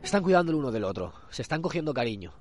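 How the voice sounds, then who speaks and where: A man from Spain with a hoarse voice from a cold, hosting a casual solo commentary podcast and often restarting his words. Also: on the high side, sing-song, soft background music. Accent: Spain Spanish. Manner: halting, repeats and restarts words. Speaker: podcast host.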